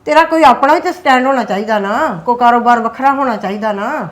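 Woman doing older mum, soft pleading motherly tone, voice a bit high. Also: fast talker, close to an everyday voice. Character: widowed mother on pension, peacemaking, counsels sons. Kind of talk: scripted web drama acting.

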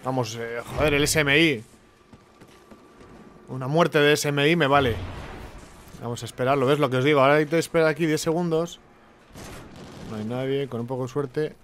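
A young man from commentating his own gameplay, excitable, with sudden shouting bursts and repeated words. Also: medium pitch, moderate pace, pauses often, a little hiss or hum. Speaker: gaming YouTuber.

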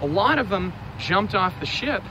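A man's voice: high-pitched, big pitch swings, moderate pace. A young man talking casually into a handheld camera as he walks outdoors, musing aloud with frequent fillers. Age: young adult. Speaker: vlogger. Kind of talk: casual walking vlog monologue. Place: outdoors on city streets and trails. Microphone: phone or camera held at arm's length. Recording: outdoor street noise behind. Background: traffic and outdoor ambience.

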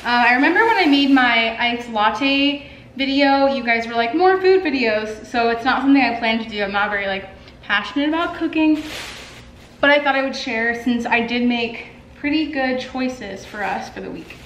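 Animated and a little high, with a fairly bright tone, the young artist vlogger talks at a moderate pace. Filmed on a camera on a stand in her living room and kitchen, she chats casually with many filler words and lots of hand movement. The echoey audio carries slight background noise.

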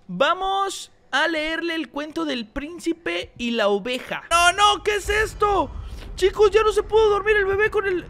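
A woman with a high, bright voice narrates a let's-play, talking straight to her viewers. She is excitable and breaks into alarmed shrieks at game events, with a faint music bed behind her. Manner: addresses viewers directly. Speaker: gaming channel host; mother playing alongside her young child.

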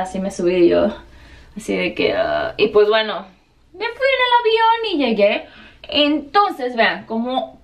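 A young woman with a Mexican Spanish accent tells a story to her vlog camera, acting out each exchange in quoted voices. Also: fairly high pitch. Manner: lively, acts out every exchange in quoted voices. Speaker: vlogger.

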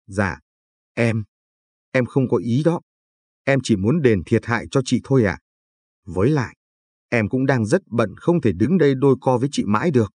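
A man's voice: medium pitch, lively intonation, moderate pace, pauses often, breathy edge. A man reading as a polite, pleading young mother. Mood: apologetic. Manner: apologetic, pleading, soft-spoken.

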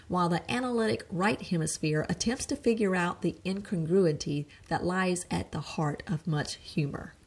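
A woman with a lowish, husky voice and a touch of gravel talks through a wellness webinar. Her delivery is chatty and earnest, full of asides and restarts. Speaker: occupational therapist presenting a wellness webinar. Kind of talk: unscripted webinar presentation.

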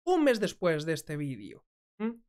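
A woman's voice: low-pitched, huge pitch swings, a little slow, a little mellow. Spanish-speaking woman narrating video commentary. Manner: conversational, frequent checking "¿mm?". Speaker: commentary host. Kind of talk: reacting to and translating a video.

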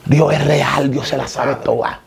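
A man giving an animated conversion testimony, often restarting and repeating words as he tells it. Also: medium pitch, a little slow, vocal fry, crowd noise. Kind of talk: emotional testimony.

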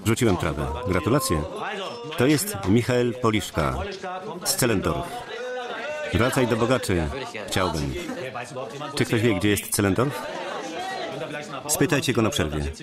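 A man reading the voice-over for a film, giving every character's lines in his one steady voice over the original soundtrack. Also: lowish voice, unhurried, pauses often, over loud music, a loud crowd. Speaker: voice-over reader.

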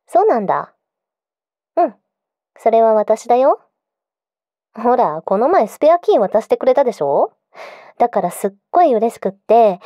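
A woman's voice: on the high side, mellow, no room sound, studio quality. A woman playing a clingy, possessive yandere girlfriend in an intimate pillow-talk role-play, coaxing and insistent. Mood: sweet, playful.

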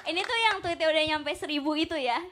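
A woman's voice: sits high, quick pace, very noisy. A young woman idol chatting and teasing her bandmates as a stage MC. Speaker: idol group member doing stage MC. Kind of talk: playful stage banter. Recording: live stage mic with audience crowd.

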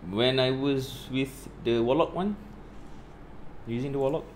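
A man's voice: mid-range voice, measured pace, darkish tone. A man chatting casually in short, clipped phrases while playing an online game. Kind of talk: casual gaming chat. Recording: faint background noise.

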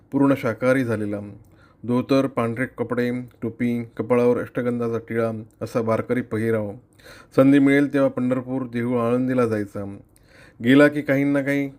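Middle-aged man, earnest reflective reader, measured pace, home recording, from western India. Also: medium pitch, a little mellow. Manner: earnest, reflective, measured reading with occasional slips. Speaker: narrator reading a friend's essay. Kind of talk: read-aloud narration.

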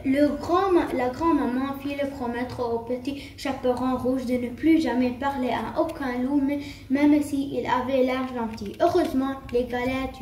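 High-voiced woman reading a tale. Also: a little mellow, recorded from a distance, a little hiss or hum. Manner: storybook reading with occasional restarts and fillers. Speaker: storyteller for a school puppet show. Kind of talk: reading a fairy tale aloud. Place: school room. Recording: roomy, faint background ambience.

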